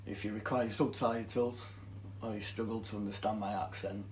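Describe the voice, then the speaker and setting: A man with a thick Yorkshire accent teaches guitar, methodically explaining scales and chords. His voice is on the low side and a little mellow, with fairly even intonation at normal speed, recorded in an echoey room with guitar music playing and a little hiss or hum.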